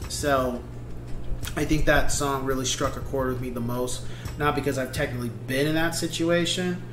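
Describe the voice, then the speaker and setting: A man in his thirties giving a casual album review from a seated spot at home, talking in a halting, thoughtful way with many restarts. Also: medium pitch, fairly even intonation, roomy sound, noisy background. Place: small home room, seated indoors.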